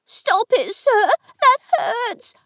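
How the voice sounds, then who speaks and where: A woman's voice: very high voice, very animated, very slow, bright, forceful tone, dry recording, studio quality, voice pushed up, heavily acted. A woman voicing a frightened young woman who cries out shrilly in pain and panic.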